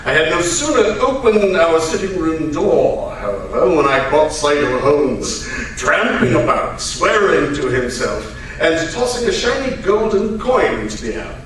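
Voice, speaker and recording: A roomy, distant recording of a man acting a genial Victorian gentleman doctor in an old-time radio play. His delivery is lively and swinging, with old-fashioned, gentlemanly turns of phrase. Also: a little high, a little slow. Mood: genial storytelling. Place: live performance at a radio club event. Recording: roomy, distant live stage recording with hiss.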